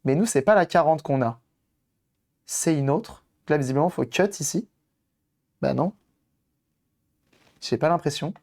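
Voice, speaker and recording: A hoarse man on a live stream, chatting casually with viewers and thinking aloud as he tinkers with electronics. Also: on the high side, animated, unhurried, pauses often, a little mellow. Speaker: streamer doing electronics modding. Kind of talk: casual live-stream chat while working.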